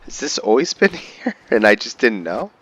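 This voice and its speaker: A man narrates his own video game playthrough, musing aloud to himself in a casual, laid-back commentary style. His medium-pitched voice is husky and a bit bright, very animated, at a normal speed. Faint background noise can be heard in the recording.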